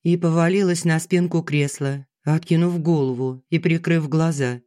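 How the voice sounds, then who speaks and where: A steady storyteller reading a novel aloud. The voice is mid-pitched and even, neither high nor low. It is calm audiobook narration. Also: normal speed, dry recording, studio quality.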